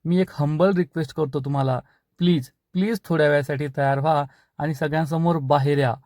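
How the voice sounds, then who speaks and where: A man's voice: on the high side, fairly even intonation, fairly quick, a little mellow, no room sound, studio quality, lightly acted. A man voicing a humble young husband pleading with his wife in a serial recap. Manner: pleading, polite.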